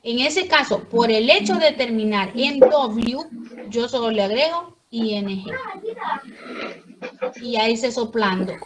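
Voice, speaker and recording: Slow, high-voiced woman teaching grammar. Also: lively intonation, background noise. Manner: patient, explains step by step. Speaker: English teacher. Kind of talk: classroom explanation. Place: classroom.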